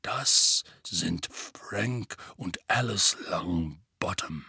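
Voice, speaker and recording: A man voicing a gruff, grizzled old male wizard who growls low and gravelly. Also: extremely slow, bright, forceful tone, no echo, clean studio sound, heavily acted. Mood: growling.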